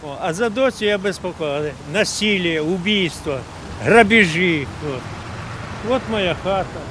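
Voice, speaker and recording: An older man, a local resident, recalls events outdoors in a halting, repetitive way. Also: high-pitched, expressive. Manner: halting, repeats himself. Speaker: resident interviewee. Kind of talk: outdoor interview recollection. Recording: loud street and traffic noise.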